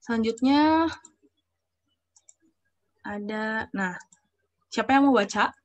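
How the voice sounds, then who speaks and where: A young woman teaching an online language class, her voice sitting fairly high. She walks through each point step by step and keeps checking whether the students follow. She reads example phrases aloud between her explanations. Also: slow, highs cut off.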